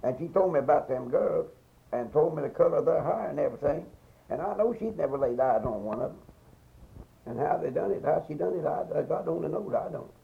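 In a dull, muffled field recording for an informal oral history, an elderly Southern Appalachian man tells stories of local bygone days in a folksy, rambling, repetitive manner. His voice is fairly high, expressive, and brisk, with vocal fry.

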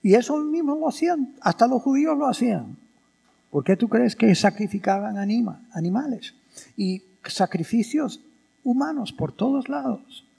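A male priest preaching a sermon. His dark, gravelly voice rises and falls in lively swings, and a long church reverb trails each phrase. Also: extremely high pitch, normal speed. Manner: animated, teaching with rhetorical questions.

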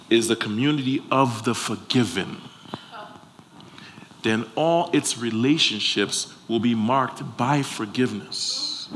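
Preaching live to a congregation, a Liberian man from West Africa speaks in a lowish, pushed, bright voice. He's emphatic, repeating phrases and posing rhetorical questions, with live room ambience and clear background noise around him.

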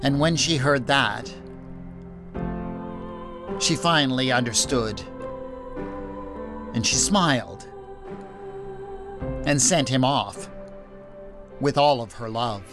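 A man narrating a retold Bible story in a measured, gentle storytelling manner. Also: medium pitch. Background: faint background music.

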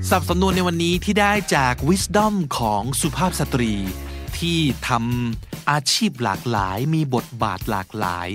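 A man hosting a podcast vocabulary lesson, explaining words patiently and spelling them out letter by letter. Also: medium pitch. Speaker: podcast host teaching English vocabulary.

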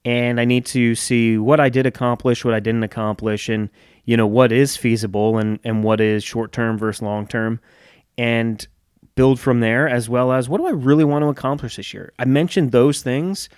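A man's voice: mid-range voice, steady tone, normal speed, a little mellow, smooth, no room sound, studio quality. A man hosting a solo podcast, talking candidly and reflectively, joking and swearing now and then. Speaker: podcast host and gym owner. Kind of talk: solo casual podcast monologue.

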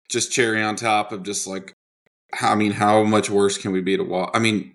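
A man co-hosting a casual sports podcast, speaking bluntly and glumly with fillers. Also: low-pitched. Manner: blunt and glum, filler-heavy. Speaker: podcast co-host.

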